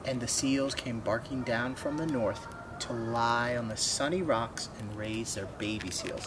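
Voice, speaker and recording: Standing by a wooden fence outside, a young adult storyteller reads a picture book to children in an expressive, unhurried way at medium pitch. He pauses between passages to address the kids directly and pose questions to them. The camera recording picks up obvious outdoor background noise.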